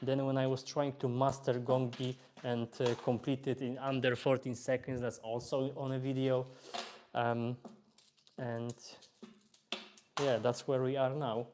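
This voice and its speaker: A man's voice: medium pitch, a little slow, a little hiss or hum. A young man from Poland with a Polish accent, casually chatting on a live stream while playing and reading viewer comments aloud. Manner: relaxed, chatty, reads chat aloud, hesitant fillers.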